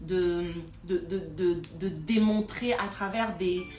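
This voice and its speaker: A woman's voice: lowish voice, slow, darkish tone. A woman hosting a casual live stream, talking with frequent hesitations, repeated words and fillers. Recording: roomy echo with faint noise.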